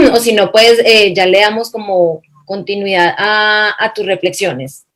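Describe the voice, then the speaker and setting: Woman hosting informally, mid-pitched voice. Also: slow, fairly bright tone. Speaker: event host. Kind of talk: informal online event moderation.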